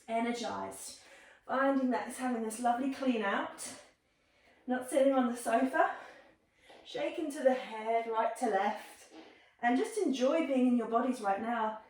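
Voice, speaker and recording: A woman with a high voice leads a yoga flow, chatty and encouraging as she demonstrates each move. She sounds a little far from the mic in a very echoey room. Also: darkish tone. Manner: encouraging, chatty, demonstrating moves while talking. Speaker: yoga instructor. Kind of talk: guided yoga class instruction.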